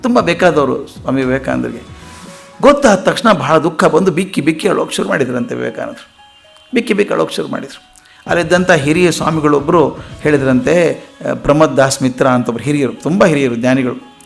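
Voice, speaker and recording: A man's voice: fairly high pitch, brisk, creaky, soft background music. A man giving a storytelling motivational lecture, acting out the people in his stories. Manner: lively storyteller acting out quoted voices. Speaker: motivational speaker.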